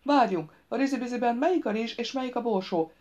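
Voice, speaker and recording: A woman's voice: a little high, expressive, darkish tone, muffled recording, pitched above the performer's own voice, lightly acted. A woman voicing a clumsy, joking grown man in an audiobook, dry and bumbling.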